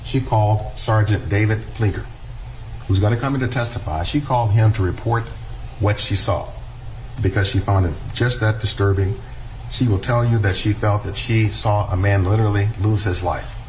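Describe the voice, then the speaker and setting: A male prosecutor giving an opening statement to a jury in a courtroom, speaking deliberately and repeating key phrases. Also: on the low side, darkish tone, a little hiss or hum, poor audio. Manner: deliberate, repetitive, addressing jurors.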